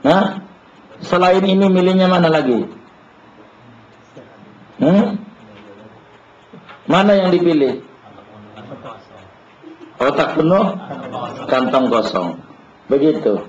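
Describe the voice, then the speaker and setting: A man's voice: on the high side, lively intonation, slow pace, long pauses. A man giving a casual sermon to a study group, teasing the listeners with repeated questions. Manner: questions the audience over and over, teasing and chatty. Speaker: preacher. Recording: roomy, muffled hall recording.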